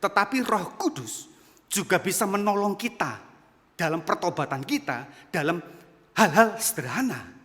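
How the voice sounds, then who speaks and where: Pastor in his 50s, sermon in a reverberant church; bright, forceful delivery with sudden loud peaks. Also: high voice, sing-song, a little slow. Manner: storytelling, swings from quiet asides to loud emphatic peaks. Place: church sanctuary.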